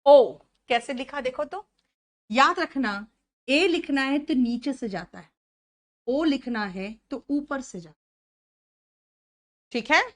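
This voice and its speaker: High-voiced Indian woman teaching English slowly. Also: animated. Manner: calls students "beta", drills word sounds by repeating them. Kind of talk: online spoken English lesson.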